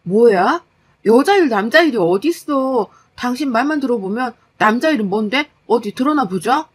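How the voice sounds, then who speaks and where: A woman voicing an exhausted, fed-up young working wife, scolding in a sharp, exasperated way. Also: on the high side, lively intonation, moderate pace, husky.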